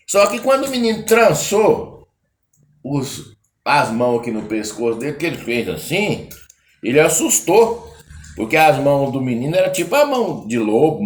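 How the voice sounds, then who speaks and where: A man's voice: on the high side, slight background noise. A man with a Brazilian caipira accent telling a rural folk tale in a casual, rambling way. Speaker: storyteller.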